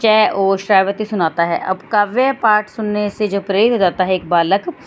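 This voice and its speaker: A woman's voice: mid-range voice, normal speed. A woman teacher reading a Sanskrit text and explaining it line by line for her students. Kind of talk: Sanskrit lesson explained in Hindi.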